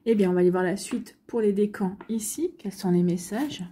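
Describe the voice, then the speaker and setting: A woman giving an intuitive card reading, speaking to the listener in a gentle, reassuring, guiding manner with a slightly husky voice. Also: mid-range voice, normal speed, slight background noise. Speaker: tarot card reader.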